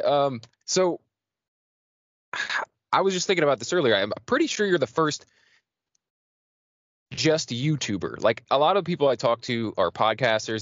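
Man, podcast host, rambling, self-deprecating, casual chat, mid-pitched voice, very dry sound. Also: no room sound, muffled recording.

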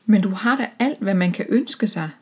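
A woman's voice: medium pitch, husky, natural voice. A woman reading as a helpful hare. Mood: reassuring.

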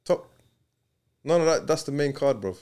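A man's voice: fairly high pitch, lively intonation, normal speed, mellow, clean tone. A man with an East London street accent, bantering casually as a podcast host in slangy roadman style. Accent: East London, multicultural street London. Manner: slangy, roadman-style talk with bro, bruv, innit.

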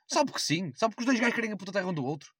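A man's voice: sits high, big pitch swings, racing, a bit bright, slightly rough, dry recording. A young man with a European Portuguese accent, chatting casually in a crude, slangy way and rambling with repetitions. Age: young adult. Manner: crude, slangy, heavy swearing. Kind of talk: casual chat.

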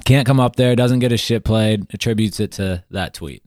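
A man's voice: on the low side, moderate pace, darkish tone. A man co-hosting a casual podcast, recapping news with fillers and restarts. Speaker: podcast co-host.

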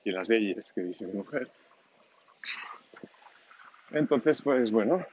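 Hosting a solo podcast from Catalonia, Spain, a 49-year-old man thinks aloud in an unscripted, informal monologue, rambling in Spanish with a Catalan accent; Catalan is his first language, alongside Spanish. He speaks slowly and expressively at a fairly low pitch, on a dull lo-fi home recording with clear background noise.

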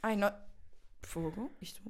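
A young woman with a European Portuguese accent hosts a casual podcast chat. She talks in a chatty, playful way with quick slangy asides. Her pitch sits in a middle range for a woman. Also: a little mellow. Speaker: podcast host.

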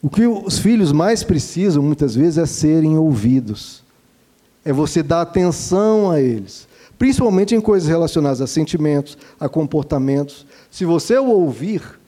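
A man, a father giving gentle, instructive parenting advice and warmly addressing his listeners. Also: fairly high pitch. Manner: gentle and didactic, calls listeners "dear ones". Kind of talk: earnest advice talk to listeners.

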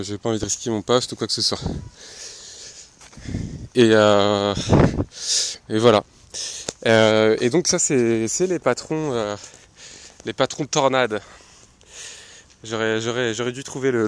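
A podcast host with a medium-pitched voice muses on management in a casual solo talk. He's loose and chatty, full of fillers and restarts, and laughs at his own asides.

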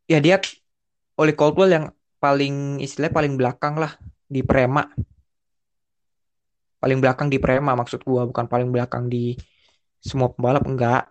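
A man's voice: medium pitch, little pitch movement, normal speed, long pauses, muffled recording. A young man chatting casually as a podcast co-host, in informal slang with many restarts and bits of English. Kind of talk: casual chat.

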